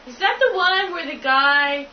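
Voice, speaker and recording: A woman's voice: sits high, measured pace, slight background noise. A woman co-hosting a podcast, chatting casually with teasing, playful remarks. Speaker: podcast co-host. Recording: distant, echoey and lo-fi.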